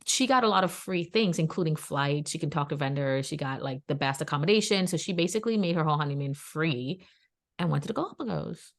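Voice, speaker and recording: A woman co-hosting a podcast, telling a personal story in casual chat and acting out what others said. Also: fast talker. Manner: animated, acts out quoted dialogue in pitched-up voices; chatty and emphatic, addresses listeners as "guys". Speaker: podcast co-host.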